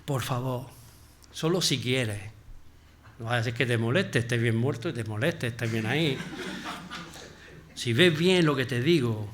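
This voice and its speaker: A man's voice: medium pitch, background noise, lightly acted. A man voicing Jesus as a meek, apologetic figure who politely begs instead of commanding. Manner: timid, apologetic, hesitant begging. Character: Jesus mockingly pleading, meek and overpolite.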